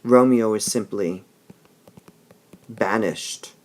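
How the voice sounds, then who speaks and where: A man's voice: lowish voice, fairly even intonation, very slow. A man teaching a literature lesson, explaining patiently and often checking in with "all right?" between passages he reads aloud.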